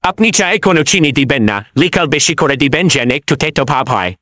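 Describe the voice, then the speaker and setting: A man's voice: a little high, animated, fast, bright, forceful tone, dry recording, clean studio sound. A man voicing a cheeky, self-assured folk trickster mullah in a cartoon, wheedling and boastful in a playful way. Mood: cocky.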